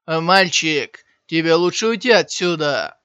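A man voicing a cruel clan warrior in an audiobook, shouting in a strained, shrill voice. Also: animated, measured pace, clear, resonant tone, dry recording. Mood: cold. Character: cruel clan warrior, later maimed and panicking. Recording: dry, slightly dull sound.

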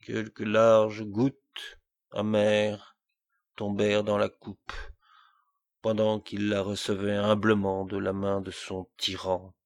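A man reading a classic tale aloud as audiobook narration, measured and deliberate. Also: fairly low pitch, monotone. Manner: slow, measured storytelling. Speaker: audiobook reader.

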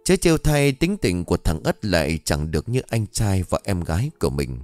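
A man narrating a ghost story in an expressive, dramatic storytelling manner. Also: deep voice, moderate pace, no echo, faint music behind.

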